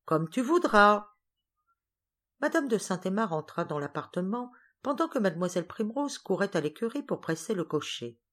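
A woman reading a storybook aloud in measured, even narration. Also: medium pitch. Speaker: audiobook reader.

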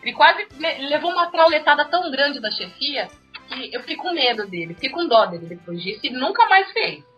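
A Brazilian woman with a high, bright voice tells newsroom stories in a relaxed way and acts out every line of dialogue with big leaps in pitch. The sound is slightly muffled, with faint music underneath. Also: fairly quick. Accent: Brazilian Portuguese. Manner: animated, acts out dialogue with sharp pitch jumps. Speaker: newsroom radio monitor. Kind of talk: casual anecdote telling.

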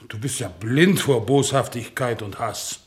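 An actor playing a crippled, devout war veteran on crutches who speaks in an earnest, excitable, stiffly dutiful way, in a 1960s radio drama. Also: male voice, mid-range voice, unhurried, lightly acted. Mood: zealous.

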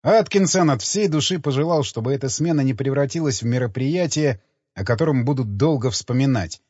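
A man narrating an audiobook in a lively, dramatic storytelling manner, in a slightly muffled dry recording. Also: mid-range voice, brisk, husky, no room sound.

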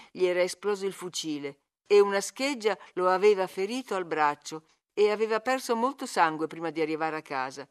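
A woman narrating a classic novel aloud in a measured, calm storytelling voice. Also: on the low side, clear, resonant tone. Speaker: audiobook narrator. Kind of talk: literary audiobook reading.

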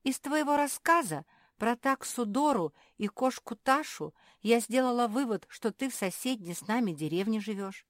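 An impulsive, eager young dog girl, as a woman puts her on. She talks briskly with a raised, loud voice. Dry, close storybook recording. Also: on the high side, animated, dry recording, pitched above the performer's own voice, natural voice. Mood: apologetic. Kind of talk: storybook reading.

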